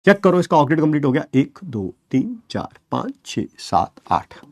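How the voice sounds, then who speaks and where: Lively encouraging male chemistry teacher. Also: a little high, moderate pace. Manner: encouraging, answers his own questions in students' voice; counts aloud while pointing at the board. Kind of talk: online class lecture.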